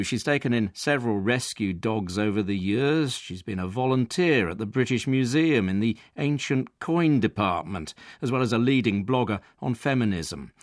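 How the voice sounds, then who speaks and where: A man reporter narrating a profile in scripted documentary style, measured and wry. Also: mid-range voice, no echo, studio quality.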